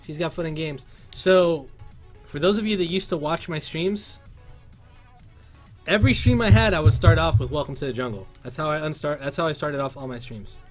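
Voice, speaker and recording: A Cuban man in his thirties hosts a casual stream from an indoor workshop studio, reading viewers' chat questions aloud through a headset and singing along in an upbeat way. His voice is fairly high, at a moderate pace, with soft music in the background.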